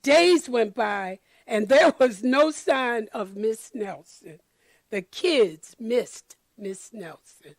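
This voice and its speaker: Woman, high voice, unhurried pace, expressive picture-book reading, speaking directly to children. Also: no room sound. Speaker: storyteller for children. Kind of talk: children's picture book read-aloud with commentary.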